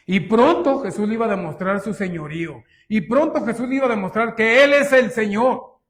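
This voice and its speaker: Man, pastor, sermon, high voice, emphatic, rhetorical questions. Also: brisk. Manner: emphatic, rhetorical questions, often says "hermanos".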